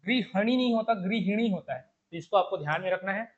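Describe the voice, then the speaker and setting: A man with a Chhattisgarhi Hindi accent teaches an online exam-prep lesson in a high voice. He works through each option step by step and repeats the key words. The recording sounds dull and lo-fi. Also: quick pace. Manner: explains step by step, repeats the question and the answer over and over.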